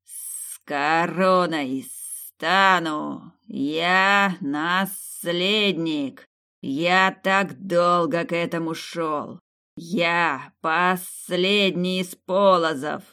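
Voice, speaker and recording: Woman playing a booming ancient serpent grandfather. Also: bright, forceful tone, clean tone, heavily acted. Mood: furious. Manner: slow, booming, commanding. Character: ancient serpent grandfather, menacing, power-hungry. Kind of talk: audiobook character voice.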